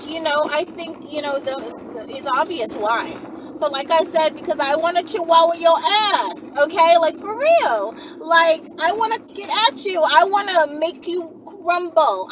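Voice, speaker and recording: In a rough recording with faint background noise and room ambience, a woman with a high voice hosts a casual Q&A. She answers viewer questions in a blunt, sassy manner.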